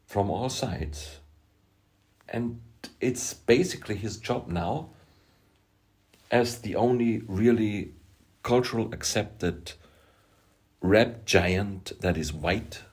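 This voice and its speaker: Slow, low-voiced Austrian man. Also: a little mellow. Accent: Austrian German. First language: German. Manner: emphatic, halting, self-deprecating asides. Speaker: music producer and rapper. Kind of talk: opinionated vlog monologue.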